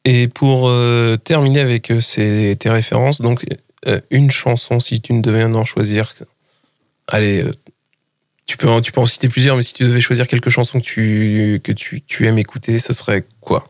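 Male radio host in a dry studio, mid-pitched and easygoing, encouraging his guest and stumbling through restarts. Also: normal speed, no room sound. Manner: relaxed, encouraging, many restarts. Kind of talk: casual radio interview.

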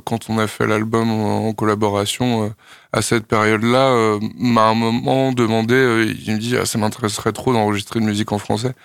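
Interviewed on the radio, a young singer-songwriter from France takes his time over the questions, hesitating thoughtfully and filling the gaps with lots of fillers and pauses. He has a clear, resonant, mid-range voice, and the clean studio recording carries no echo.

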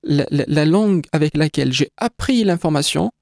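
A North African man whose first language is Kabyle, an exhibition creator, gives a radio interview, speaking hesitantly with many fillers and restarts. His voice is fairly high, expressive, gravelly and darkish at a normal speed. The recording is clean studio sound with no room echo.

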